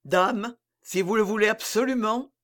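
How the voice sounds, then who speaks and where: A woman's voice: medium pitch, measured pace, fairly bright tone, natural voice. A woman reading an audiobook and voicing an evasive young male courtier who plays naive and stays deferential.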